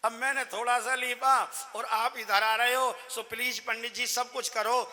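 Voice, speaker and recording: A pious, simple village wife, as a male preacher puts her on, pleading earnestly. The voice is high and very bright. A long hall reverb trails each phrase. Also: level tone, moderate pace, heavily acted. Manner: devout, pleading.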